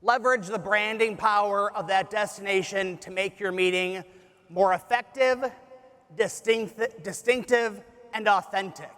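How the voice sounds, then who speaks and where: A man's voice: sits high, steady tone, a little slow, fairly bright tone. A man giving a scripted keynote presentation with a polished, upbeat corporate promotional delivery. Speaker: tourism executive giving a keynote speech. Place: large conference hall on stage. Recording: echoey large hall with audience.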